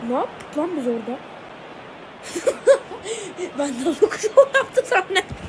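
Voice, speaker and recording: A streamer giving casual commentary while playing a mobile football game, excitable and swearing and shouting at their own players, voice going hoarse. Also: high voice, unhurried, noisy background.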